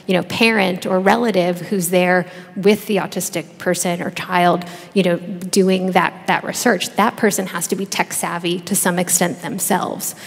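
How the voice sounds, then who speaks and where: A woman's voice: on the low side, fairly even intonation, normal speed, creaky, hardly any pauses, slightly rough. Woman panelist in a reverberant hall. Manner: thoughtful, many fillers and restarts. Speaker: panelist, researcher and author. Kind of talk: panel discussion answer. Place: large conference stage. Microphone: headset mic. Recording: long reverb of a large hall.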